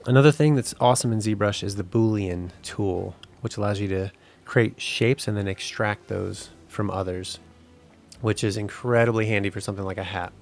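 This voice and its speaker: A man in his thirties, a 3D game artist, narrating a tutorial voice-over in a relaxed, explanatory way. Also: lowish voice, moderate pace, creaky, soft background music.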